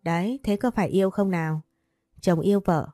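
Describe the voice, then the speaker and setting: A woman's voice: fairly low pitch, fairly quick, mellow, no room sound, studio quality, faint music behind, lightly acted. A woman voicing a doting, possessive older man who speaks tenderly but bossily to his young lover in a storybook reading. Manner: tender, teasing, bossy.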